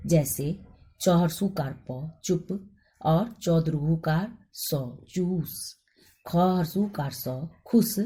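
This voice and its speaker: A woman's voice: on the low side, dark tone. A woman teacher giving a Hindi grammar lesson, spelling out each letter and vowel sign one by one.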